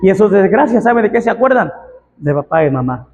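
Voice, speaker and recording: A man with a Mexican Spanish accent, a pastor preaching a fervent sermon, often shouting out the pleas he quotes. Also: high-pitched, big pitch swings, fast, dull audio. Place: church hall. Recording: long reverb of a church hall.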